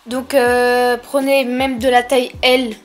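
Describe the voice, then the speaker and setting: A woman's voice: on the high side, little pitch movement, slow pace, faint music behind. A young woman with a lisp on her s sounds, chatting casually and informally as she presents a shopping haul.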